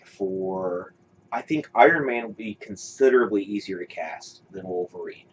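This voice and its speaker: Low-voiced man chatting opinionatedly, lo-fi. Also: normal speed. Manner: opinionated, rambling with fillers and restarts. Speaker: podcast co-host. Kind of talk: casual chat. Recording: dull lo-fi sound with faint hiss.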